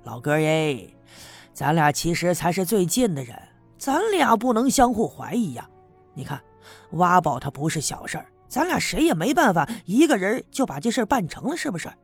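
A smooth-talking, scheming village man, as a man reads him out. He coaxes and wheedles through a slightly husky voice that rises and falls a lot, with faint music behind. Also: high-pitched, very animated, moderate pace, exaggerated voice. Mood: persuasive. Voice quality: coaxing, wheedling. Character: sly scheming middle-aged village man.

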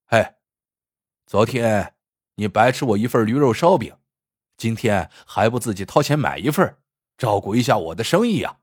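Guy doing a husky sneering shopkeeper dude, fat and scheming, swings his voice around a lot. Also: on the low side, expressive, normal speed, pauses often, dry recording, clean studio sound. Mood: mocking. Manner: sneering, teasing.

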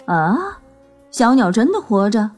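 A woman voicing a grumpy big male grey wolf in a children's storybook, talking gruffly and blustering. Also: a little high, very animated, slow, darkish tone, soft background music, full character voice.

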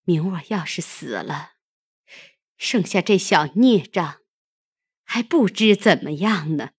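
A woman voicing a proud, sharp-tongued young noblewoman who is ailing and bitter, by turns scolding and wearily mocking. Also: on the low side, lively intonation, slow, husky, no room sound, studio quality, heavily acted. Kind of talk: audiobook character reading.

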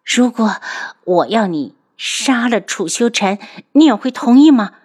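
Woman playing a shrill, furious young prince. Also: animated, a little slow, darkish tone, slightly rough. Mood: bitter, furious. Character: scornful young prince, bitter and defiant.

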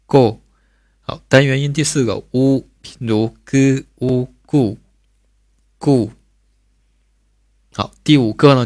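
Male teacher, mid-pitched, pronunciation drills, slow repeated sounds, tag questions, dry close recording. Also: no room sound. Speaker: Korean language teacher.

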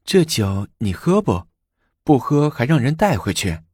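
A man's voice: medium pitch, sing-song, measured pace, darkish tone, breathy edge, no room sound, clean studio sound, pitched above the performer's own voice. A male storyteller voicing a scheming young empress, speaking in a coaxing yet commanding way in a storybook reading.

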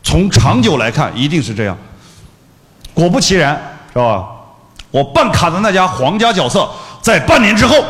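Animated middle-aged man in a reverberant hall. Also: on the high side. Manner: animated storyteller acting out dialogue; blunt colloquial speech. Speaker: business trainer. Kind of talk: lively lecture with anecdotes.

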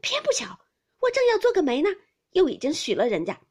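Wang Xifeng, a woman doing a loud, sharp-tongued young wife. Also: a little high, sing-song, a little fast, husky. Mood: exasperated.

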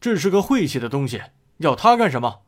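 Man playing a gruff irritable father, loud, hurried, harsh, storybook tale. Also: a little high, big pitch swings.

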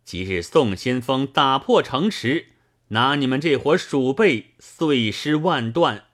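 A man's voice: mid-range voice, a bit bright. A man voicing three defiant male captives who curse their captor in a storybook reading. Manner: angry scornful cursing.

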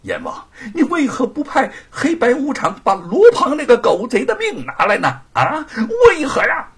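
A brash male Monkey King storms in a storybook, as a man acts him out, yelling high and strained. The voice is husky and breathy, and it swoops wildly up and down. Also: huge pitch swings, moderate pace, full character voice. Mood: indignant.

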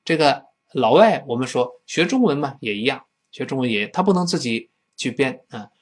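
Lively male English teacher, husky voice. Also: medium pitch, normal speed. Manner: lively, acts out dialogue lines in a raised voice. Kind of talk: spoken English lesson.

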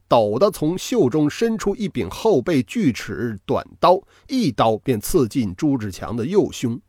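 A man narrating a novel as an audiobook reader, telling the story with dramatic, expressive delivery. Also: medium pitch, no room sound, clean studio sound.

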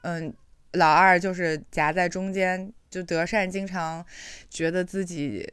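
A woman with a somewhat low voice chats casually on a podcast, reflective and full of fillers. The sound is dry and close, with no room around her. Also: fairly even intonation, measured pace, fairly bright tone, clear, resonant tone, no echo. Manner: chatty, many fillers, reflective. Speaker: podcast co-host. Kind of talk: casual chat.

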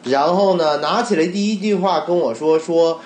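A man co-hosting a podcast, telling stories in casual, animated banter in a roomy-sounding space. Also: a little high, moderate pace, background noise. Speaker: podcast co-host.

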